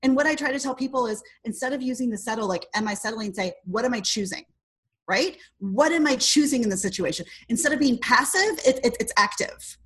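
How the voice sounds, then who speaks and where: A woman in her forties, a dating coach talking frankly as an interview guest, energetic and unafraid to swear. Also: a little high, low-quality recording. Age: 40s. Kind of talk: casual interview chat.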